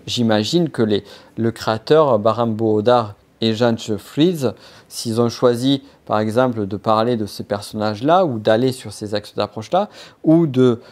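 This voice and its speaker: A man's voice: mid-range voice, a little mellow. A man hosting a solo business podcast, talking casually to the listener with frequent restarts and hesitations. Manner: hesitant, many restarts and fillers; addresses listener informally. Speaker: podcast host.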